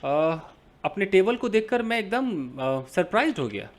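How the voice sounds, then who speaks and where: A man's voice: high voice, very animated, unhurried. Hindi-speaking man teaching English grammar. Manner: explains with everyday examples, asks and answers his own questions. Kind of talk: grammar lesson.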